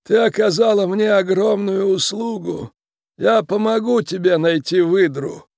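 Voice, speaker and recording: Guy doing a creaky little shrew mob boss, high squeaky voice, slow cold threats, dry close sound, storybook. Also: darkish tone, dry recording, full character voice. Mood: cold menace. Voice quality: creaky, commanding. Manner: slow, drawn-out menace. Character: tiny elderly male shrew crime boss, commanding, cold. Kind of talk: storybook reading.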